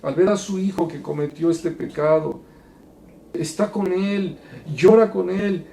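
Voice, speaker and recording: Guy leading bible study, gravelly dark voice, roomy echo. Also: sits high, unhurried, a little hiss or hum. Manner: earnest, preacherly, swings between soft and emphatic. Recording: echoey room.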